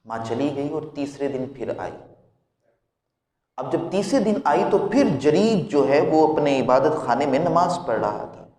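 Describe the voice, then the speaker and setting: A man preaching a sermon, retelling a moral tale in a slow, measured way. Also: a little high, expressive, darkish tone. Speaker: religious preacher. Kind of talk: sermon storytelling. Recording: echoey hall with long reverb.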